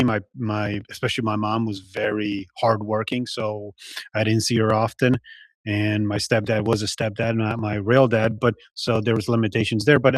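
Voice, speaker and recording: Forties guy from Poland, Polish first language, podcast guest, unhurried and reflective, dead-dry mic. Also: fairly low pitch, dry recording. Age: 40s. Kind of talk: casual interview.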